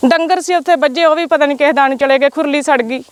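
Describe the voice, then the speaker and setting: A woman's voice: high voice, fast talker. A young woman with a Punjabi accent from the Majha region, speaking in an interview outdoors, distressed and repeating herself. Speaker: fire victim interviewed. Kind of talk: emotional testimony. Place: outdoors in a village.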